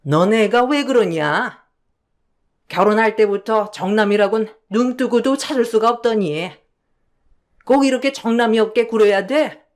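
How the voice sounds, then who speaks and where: A woman voicing a stern older mother-in-law who scolds slowly and reproachfully. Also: fairly high pitch, close to an everyday voice. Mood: scolding.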